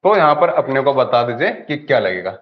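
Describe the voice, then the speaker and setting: Hindi-speaking teacher who quizzes himself aloud. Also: male voice, mid-range voice, big pitch swings, fairly quick. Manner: repeats questions and answers them himself. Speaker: English grammar teacher. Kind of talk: online class lecture. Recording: dull lo-fi audio.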